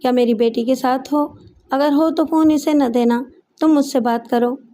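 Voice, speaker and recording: A woman voicing a suspicious, sharp-tongued middle-aged mother who scolds and threatens in an audiobook story. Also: high-pitched, moderate pace, close to an everyday voice. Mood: scolding. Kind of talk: audiobook character voice.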